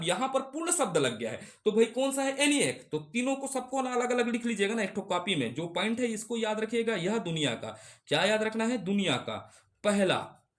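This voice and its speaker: A male teacher giving an exam-prep computer lecture, repeating key terms and asking and answering his own questions. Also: high-pitched. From Chhattisgarh. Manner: repetitive call-and-response drilling.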